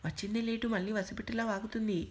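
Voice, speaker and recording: A woman's voice: medium pitch, steady tone, fast talker, a little mellow. Woman telling an audio story.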